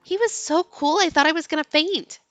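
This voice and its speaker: High, bright, animated woman let's player. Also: a little fast, no echo, soft background music. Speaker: let's player reading game text aloud. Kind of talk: expressive narration and casual commentary.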